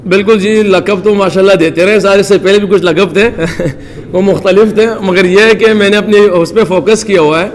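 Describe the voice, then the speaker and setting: A man's voice: sits high, fairly even intonation, long reverb tail, a little hiss or hum. A man from Pakistan, a cricketer, giving earnest, devout answers at a press conference. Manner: earnest, devout, many religious phrases.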